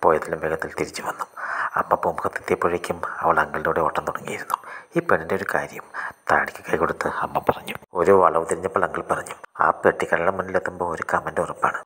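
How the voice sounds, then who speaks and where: A man narrates a scripted short story. His voice is deep and husky, with a bright edge. He reads briskly and often drops into a breathy half-whisper. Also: steady tone.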